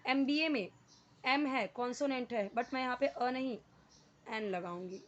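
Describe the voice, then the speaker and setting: A woman teaches English grammar step by step, in a fairly high voice. She repeats words patiently and keeps asking the listener questions. The recording sounds dull and lo-fi. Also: a little slow, fairly bright tone.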